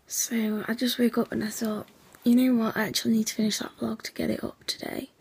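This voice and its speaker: A young woman rambles through a casual vlog chat. Her voice is hoarse and nearly gone, a gravelly, breathy half-whisper. She sounds drowsy, piling on fillers as she talks. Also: a little high, little pitch movement, brisk, darkish tone. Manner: rambling, chatty, with many fillers. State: sleepy, yawning. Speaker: vlogger.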